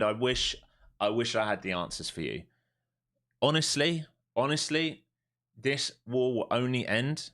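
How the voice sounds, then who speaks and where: A European man in his forties trades live on stream, giving blunt, casual market commentary and chat. His voice is on the low side and a bit bright.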